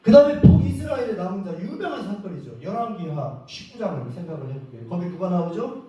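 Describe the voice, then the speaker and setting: A male pastor preaching a lively, joking revival sermon, acting out prayers as he goes. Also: sits high, quick pace, crowd noise. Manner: animated, joking, acts out prayers. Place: church sanctuary. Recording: echoey hall from far off.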